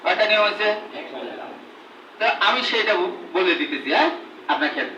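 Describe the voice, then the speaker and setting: A man with a very high voice leads a classroom drill, firing the same questions at his group over and over. He sounds far from the mic in an echoey room with steady noise behind him. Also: a little fast, lo-fi sound. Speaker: Quran reading teacher training instructors. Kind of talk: classroom drill with call and response.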